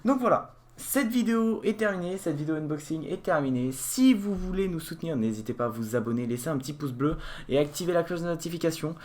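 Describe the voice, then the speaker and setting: A man's voice: fairly high pitch, expressive, fast, a little mellow. A man giving a casual unboxing walkthrough of a gadget, explaining as he clicks through settings, with frequent hesitations and restarts. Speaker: tech reviewer.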